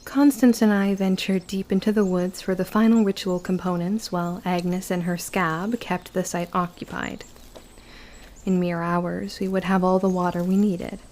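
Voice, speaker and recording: Voicing a guarded young witch, a woman delivers brooding, reflective first-person narration from an audio drama script, her phrasing formal and old-fashioned. She speaks at a moderate pace in a fairly low, darkish voice with little pitch movement, close to her everyday voice. A little hiss or hum sits under the recording.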